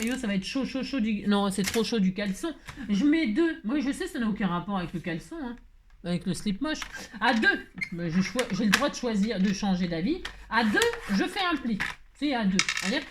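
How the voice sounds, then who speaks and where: A middle-aged woman hosting a chatty crafting tutorial, talking loudly and joking with her viewers as she works. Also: high-pitched, background noise. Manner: loud, playful, talks to viewers, jokes.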